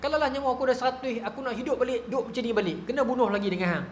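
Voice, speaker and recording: A man's voice: very high-pitched, racing, roomy sound, a little hiss or hum. A man retelling a defiant captured companion.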